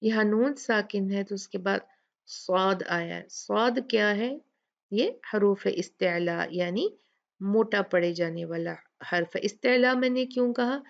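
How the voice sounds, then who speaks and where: A woman teaches Quranic recitation as a Tajweed instructor in a slow, patient explanatory lesson with recited examples. Her mid-range voice is gravelly, and the recording is muffled. She poses questions and then answers them, drawing out example words slowly.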